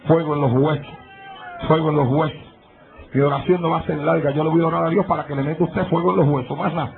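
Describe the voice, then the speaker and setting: A male pastor preaching a fervent sermon before a congregation, breaking into shouts and speaking in tongues. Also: on the high side, fairly even intonation, quick pace, creaky. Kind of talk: Pentecostal sermon. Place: church altar before congregation. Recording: tinny phone-like live church recording with crowd.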